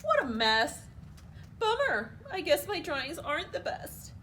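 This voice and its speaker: A woman doing Pete the Cat, high and bright. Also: sing-song, measured pace, a little hiss or hum, full character voice. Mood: dejected. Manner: upbeat, easygoing, sing-song. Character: cool laid-back male cartoon cat.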